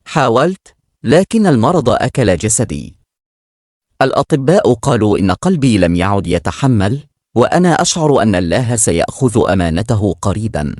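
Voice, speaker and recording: A repentant, dying woman pours out her regret, as a male storyteller reads her lines. The delivery is sorrowful and swings freely in pitch, recorded dry and close. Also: very animated, moderate pace, darkish tone, no room sound. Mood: regretful. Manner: sorrowful confession read aloud. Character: remorseful dying middle-aged woman, repentant.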